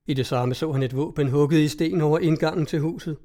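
A man narrating an old tale in a measured, even reading style. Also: on the high side. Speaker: audiobook narrator. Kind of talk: storybook narration.

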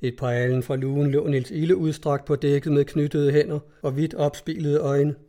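A man reading a story aloud in a steady, measured narration. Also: a little high. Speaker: audiobook narrator.

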